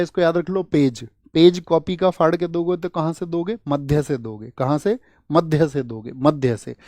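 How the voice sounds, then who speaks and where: A male teacher runs a lively exam-prep lesson, drilling students with quick call-and-response questions. His voice sits a little high for a man. It is recorded close up with a dry, echo-free sound.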